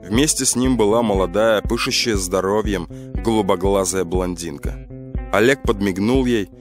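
A man narrating an audiobook story in a steady, even manner. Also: lowish voice, normal speed, soft background music.

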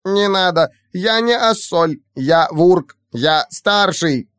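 A man voicing a tiny frightened male creature that squeaks and draws out its words in an audiobook. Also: lively intonation, slow pace, fairly bright tone, clear, resonant tone, dry recording, studio quality, full character voice. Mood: panicked. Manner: squeaking, drawn out.

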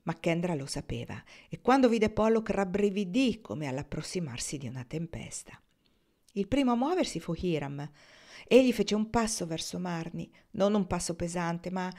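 A woman reading a historical novel aloud in a measured, expressive way. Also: fairly low pitch. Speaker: audiobook reader.

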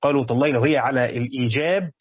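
The speaker is a man with an Egyptian Arabic accent, talking very fast at a medium pitch with a breathy edge. He reads passages of a religious text and comments on them in colloquial language, hesitating frequently. The audio is dry and dull.

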